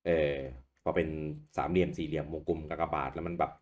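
A man co-hosting a podcast, chatting casually about old video games with a relaxed manner and easy swearing. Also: a bass voice, fast. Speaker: podcast co-host.

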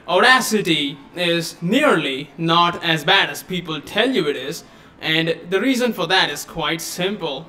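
A man with a high voice hosts a casual tech tutorial live-stream from his home desk, talking into a USB studio microphone. He's chatty and keeps breaking into excited exclamations, with slight background noise audible.

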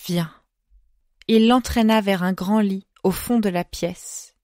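A woman narrating an audiobook in a measured, expressive reading. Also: medium pitch, no room sound, clean studio sound. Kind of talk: scripted narration.

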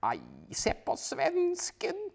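A man voicing an excitable woman who shrieks and cheers at ski races on TV, in an audiobook. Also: very high voice, gravelly, soft background music, voice pushed up, full character voice. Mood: cheering. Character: excitable adult woman, shrill ski-racing fan. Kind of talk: audiobook character voice.

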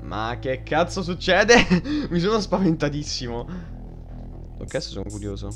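A young man with a Roman accent, doing excitable let's-play commentary, shrieking in panic and swearing often. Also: a little high, normal speed, soft background music. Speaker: gaming youtuber.

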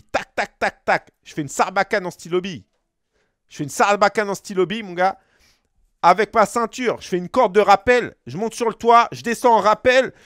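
A man's voice: sits high, fairly bright tone, dry recording. A young man, a gaming streamer, spinning a rambling tall tale with slang and mouth sound effects into a close desk mic. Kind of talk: rambling tall tale during a game pack opening.

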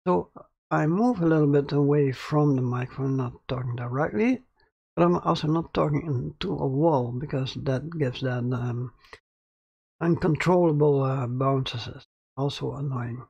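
This mid-range male voice is a little mellow and moves at a measured pace, though the recording sounds muffled and has no echo. He's hosting a casual screen-recorded tutorial from a small home studio, his crackly, gravelly delivery hesitant with fillers and false starts, captured by a studio mic about ten centimeters off.

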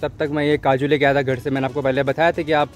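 Rapid-fire and with little pitch movement, a young adult cycling vlogger narrates his ride along mountain roads in a mid-range voice, chatting, giving tips, and mixing in English words. Faint music sits behind him, and a phone or action camera at arm's length does the recording.

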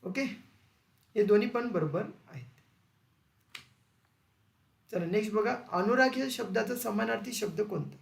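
A male teacher with a high, gravelly voice gives an exam-prep grammar lesson. He poses questions and repeats the answers slowly. The recording has a roomy echo. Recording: echoey room.

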